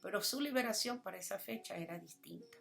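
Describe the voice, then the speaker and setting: A woman preaching a sermon in an earnest voice of ordinary pitch, addressing her listeners as her children. She builds to loud, stressed phrases and then falls to near-whispered asides. Faint music plays underneath her. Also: fast talker, creaky. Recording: soft music bed under the voice.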